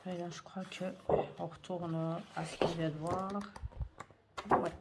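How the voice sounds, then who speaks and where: A woman's voice: on the low side, little pitch movement, a little slow, very noisy. A woman chatting hesitantly in a craft haul vlog, full of fillers and gushing over cute items. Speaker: scrapbooking haul vlogger. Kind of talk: casual show-and-tell chat.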